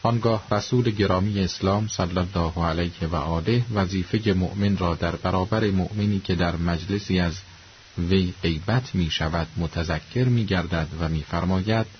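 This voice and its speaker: A man hosting a radio program, reading scripted religious commentary in a formal, measured and reverent way. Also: deep voice. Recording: lo-fi recording with faint hiss.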